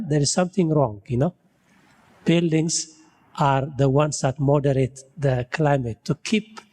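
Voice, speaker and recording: On a panel about buildings and climate, an Ethiopian building science researcher thinks aloud, searching for words and often tacking "you know" onto his sentences. His voice is a little high and dark in tone, with a big-room sound.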